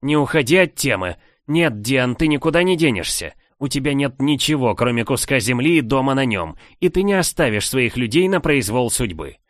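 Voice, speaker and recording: A man's voice: medium pitch, animated, moderate pace, dry recording, clean studio sound, pitched above the performer's own voice, lightly acted. A man voicing an angry, domineering older king who scolds his nephew in a raised voice. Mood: indignant.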